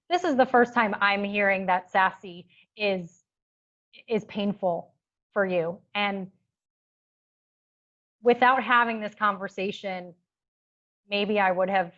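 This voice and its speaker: A woman's voice: medium pitch, a bit bright. A woman speaking sincerely as a talent agent in a town hall on a video call. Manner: sincere, reassuring. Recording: dull lo-fi video call audio.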